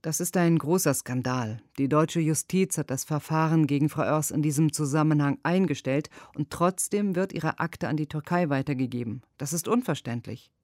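Woman doing voice-over for interview answers, earnest and steady, dry studio sound. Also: sits low, normal speed, hardly any pauses, no echo. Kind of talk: read translated interview answers.

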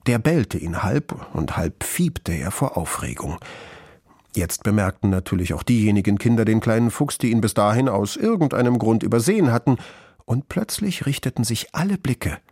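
A man's voice: on the low side, very animated, moderate pace, a little mellow, slightly rough, no room sound, clean studio sound. A man narrating a children's story expressively. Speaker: audiobook narrator.

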